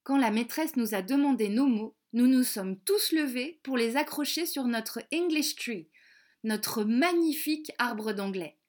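A woman reading a children's storybook aloud in a clear, expressive reading voice. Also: fairly high pitch, measured pace. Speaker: storybook narrator.

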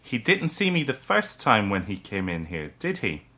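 Sly little leprechaun. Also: male voice, fairly low pitch, slightly rough, exaggerated voice. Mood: sly, patient. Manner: lively, drawn-out, correcting. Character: small male leprechaun, sly and patient. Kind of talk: audiobook character voice.

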